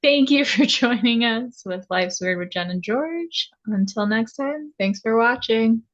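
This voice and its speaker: A woman's voice: fairly high pitch, expressive, unhurried, highs cut off. A woman co-hosting a casual podcast chat, giggly, with brief replies. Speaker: co-host.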